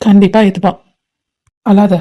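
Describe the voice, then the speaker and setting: A woman voicing a kind young man in a fan-made cartoon, gently reassuring a crying friend. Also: medium pitch, level tone, normal speed, close to an everyday voice. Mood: gentle.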